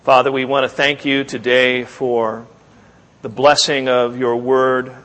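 A man preaching as a pastor, closing a sermon with earnest, measured exhortation, pausing and repeating his phrases. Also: mid-range voice, little pitch movement, fairly bright tone. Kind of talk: sermon with closing prayer and altar call. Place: church service, speaking to a congregation. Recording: long echo of a large room.

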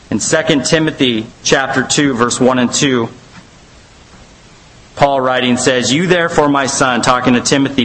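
A man's voice: mid-range voice, fairly bright tone, slight background noise, low-quality recording. A man teaching a church Bible study in a conversational, rambling way, full of fillers and asides.

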